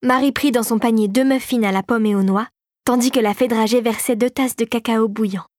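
A woman's voice: on the high side, fairly even intonation, fairly quick, a little mellow, dry recording, studio quality. Woman reading a storybook aloud. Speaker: narrator. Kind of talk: storybook narration.

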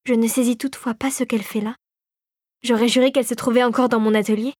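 A woman voicing a hushed, kindly old inventor. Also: on the high side, steady tone, fast talker, no room sound, clean studio sound, lightly acted. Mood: puzzled. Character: elderly male inventor uncle, kindly and wry. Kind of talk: storybook reading.

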